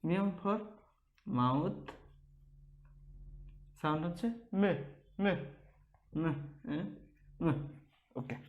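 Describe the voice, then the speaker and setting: Slow, repetitive male language teacher. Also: fairly high pitch, expressive, narrow, tinny audio. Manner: drills each letter sound over and over, checks in with "okay?". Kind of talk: slow, repetitive Korean alphabet lesson.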